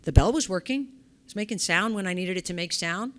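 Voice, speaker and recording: A woman's voice: on the low side, fairly quick, a bit bright. A middle-aged woman presenting at a conference, chatty and conversational, often checking in with rhetorical questions and acting out quoted remarks. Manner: conversational, asks the audience rhetorical questions, acts out quoted speech. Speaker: conference presenter on facility assessment. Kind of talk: lively conference talk. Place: conference session room.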